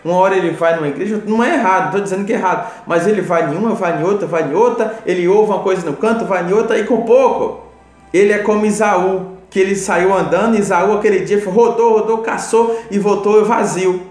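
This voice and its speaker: A man's voice: high voice, fast talker. A man preaching a sermon, emphatic and repetitive, speaking straight to the listener. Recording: roomy echo with faint music.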